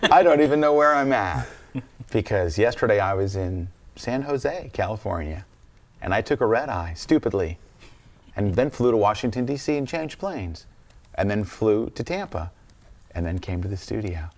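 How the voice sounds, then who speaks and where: A tired male host with a low-ish voice that still rises and falls freely. He talks in a mellow, jokey way, bantering with his guests in the studio. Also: animated, moderate pace. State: tired from travel. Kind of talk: casual studio chat.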